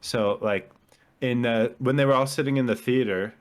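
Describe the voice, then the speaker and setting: A man's voice: mid-range voice, moderate pace. A man co-hosting a casual podcast chat, explaining his views on films at length in an analytical way. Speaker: podcast co-host.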